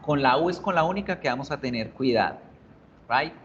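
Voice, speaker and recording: A man's voice: medium pitch, animated, a little fast, a bit bright, muffled recording, a little hiss or hum. A male English teacher explaining in a video lesson, patiently repeating words to drill pronunciation.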